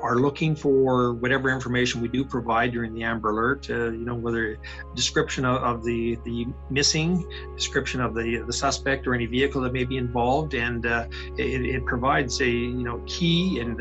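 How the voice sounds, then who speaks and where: A man, a police officer, answering interview questions in a halting way, full of hesitations. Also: medium pitch, steady tone, a bit bright, highs cut off, faint music behind.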